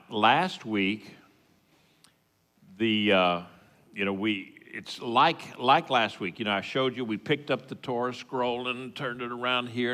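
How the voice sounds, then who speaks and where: Male preacher, West Texas twang, folksy and halting, unhurried delivery, big reverberant hall. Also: mid-range voice, sharp tone. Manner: folksy, halting, plain-spoken asides. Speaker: congregation teacher giving the sermon. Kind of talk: informal teaching sermon with scripture readings. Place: reverberant hall at a worship service.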